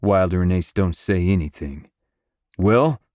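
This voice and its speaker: Deep-voiced male audiobook narrator. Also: moderate pace, darkish tone, no room sound, clean studio sound. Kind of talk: first-person audiobook narration.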